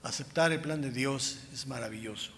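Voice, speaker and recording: An older Mexican pastor delivers a sermon full of personal testimony in a middle-pitched voice. He preaches emphatically, drawing out key phrases and pushing them louder. His voice rings through a church with a long, lingering reverb and faint room noise behind. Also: vocal fry. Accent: Mexican Spanish. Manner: emphatic, slow stretches rising in loudness, acts out past dialogues. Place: church sanctuary.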